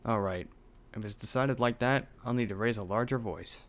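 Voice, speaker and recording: Reading out the text of a horror game with a bit of drama, a young let's play host adds commentary and drops swear words in asides. His voice is medium in pitch and he talks at a normal speed.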